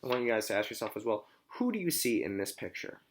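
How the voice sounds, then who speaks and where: A man with a mid-range voice and big pitch swings reads a children's storybook aloud like a teacher, expressive throughout and pausing to explain and ask questions.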